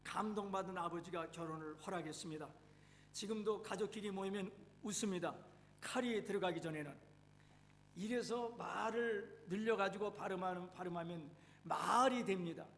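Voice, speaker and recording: A man's voice: sits high, moderate pace, a bit bright. A male pastor preaching a sermon, telling a story dramatically. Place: church hall. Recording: reverberant church hall, faint hum.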